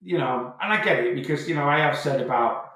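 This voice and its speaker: A man's voice: fairly high pitch, fairly quick, a bit bright. A man coaching on weight loss during a live question-and-answer stream, talking casually with frequent restarts and repeated phrases. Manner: chatty, repeats himself, stops and starts, direct and reassuring. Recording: very echoey room.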